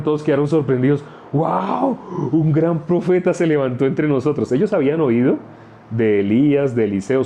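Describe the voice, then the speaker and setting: A man's voice: medium pitch, warm tone. A male preacher giving a sermon, repeating phrases for emphasis and asking rhetorical questions.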